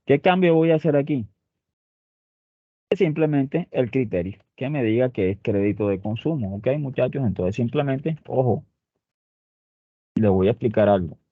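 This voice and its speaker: In a spreadsheet tutorial, a man with a medium-pitched voice walks his students through each step at normal speed, pausing often. He checks in constantly with "¿ok?" and "muchachos," and the recording sounds dry and tinny, like a phone.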